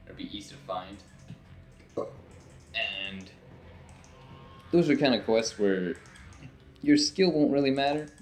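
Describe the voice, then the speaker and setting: Young man, low voice, talkative gaming commentary, worn voice, occasional swearing, keyboard typing behind. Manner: rambling, talkative, swears when frustrated. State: voice getting worn from talking. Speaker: gaming video host. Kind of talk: casual let's-play commentary.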